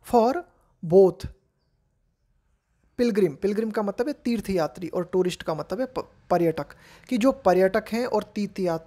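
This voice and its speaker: An Indian woman teaching English, reading editorial phrases slowly and explaining each one in Hindi. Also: medium pitch, mellow.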